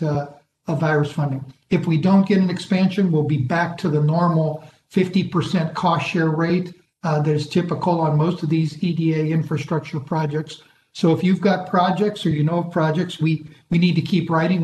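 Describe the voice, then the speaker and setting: A man's voice: a little high, a little mellow, a little hiss or hum. A man giving a plain-spoken program update in a virtual meeting, with many fillers. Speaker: economic recovery coordinator. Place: home or office on a video call. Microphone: video call. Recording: echoey room on a video call.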